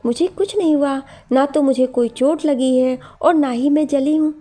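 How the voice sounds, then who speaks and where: A woman voicing a caring mother who gently scolds and comforts her son. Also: high-pitched, normal speed, lightly acted. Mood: comforting.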